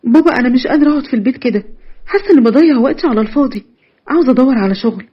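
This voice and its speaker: A woman's voice: sits high, lively intonation, very fast, husky, muffled recording. A woman voicing a twenty-something elder sister hiding a painful secret, in Egyptian Arabic, pleading and tearful.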